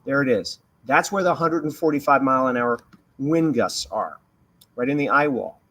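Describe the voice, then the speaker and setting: A man's voice: mid-range voice, normal speed, a bit bright. A man giving live severe weather commentary as a livestream host, explaining emphatically and repeating key points. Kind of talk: live hurricane commentary over radar.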